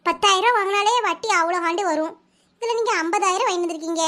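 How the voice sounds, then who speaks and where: A woman voicing Ambujam, squeaky scolding housewife. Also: fast talker, sharp tone. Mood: worried. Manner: scolding, argumentative. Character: Ambujam, village housewife, proud, quick-tempered. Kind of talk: animated village comedy voice acting.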